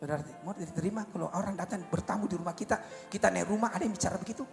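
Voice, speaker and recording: A male evangelist preaching a storytelling sermon, swinging from loud cries to low asides, in an echoey church hall with faint music. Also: very fast, creaky. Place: church service.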